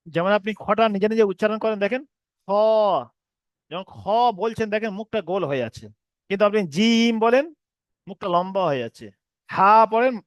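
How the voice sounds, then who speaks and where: A man teaching an online reading class, who explains patiently and drags out each letter name slowly. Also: high voice, dry recording, muffled recording. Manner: explains patiently, repeats letter names slowly with long drawn sounds. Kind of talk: recorded online class lesson.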